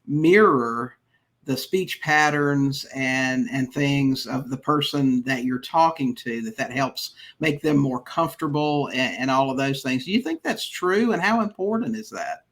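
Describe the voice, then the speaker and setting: A man's voice: mid-range voice, expressive, a little slow, fairly bright tone. A middle-aged man hosting a podcast, asking eager, rambling questions in a casual manner. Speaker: podcast host. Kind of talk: casual interview.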